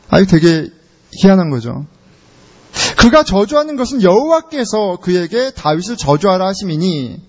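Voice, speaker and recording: A male pastor with a high, swooping voice preaching to his congregation, telling the story with lots of rhetorical questions. The sound is dull and lo-fi. His words ring out with a long reverb, as if in a large church hall. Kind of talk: sermon.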